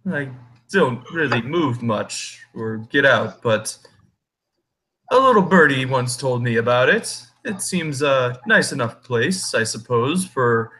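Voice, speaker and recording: A man's voice: medium pitch, expressive, takes it slowly, bright, forceful tone. A man voicing a haughty, grumpy old talking tree that speaks pompously in a tabletop game. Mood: musing.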